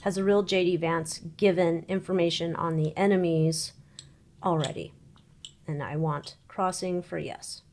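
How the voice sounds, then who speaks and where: A woman giving an informal psychic tarot reading, thinking aloud in short, halting phrases and muttered questions. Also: fairly low pitch, steady tone, background noise.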